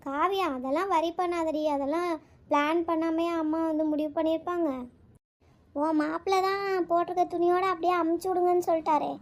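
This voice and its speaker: A woman's voice: very high voice, steady tone, a little fast. A woman voicing a breezy, teasing middle-aged mother of the bride in a cartoon.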